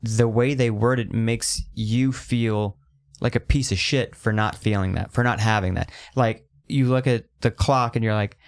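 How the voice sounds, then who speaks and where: A man's voice: on the low side, fairly even intonation, normal speed. A man in his thirties in casual podcast chat, rambling and emphatic, swearing freely. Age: 30s.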